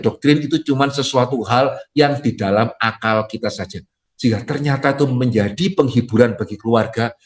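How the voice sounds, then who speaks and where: A middle-aged male pastor from Indonesia giving a sermon in a conversational way, with frequent tag questions and playful acted-out quotes. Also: medium pitch. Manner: lively, acts out quoted dialogue with jokes; conversational preaching with frequent "ya" tags.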